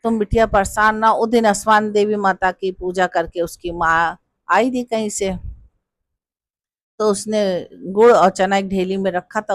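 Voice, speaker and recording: A storyteller tells a devotional folk tale in a homely, rustic manner, sprinkling in village dialect words. The pitch sits in the middle range. The recording is close and dry, with no room sound. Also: dry recording.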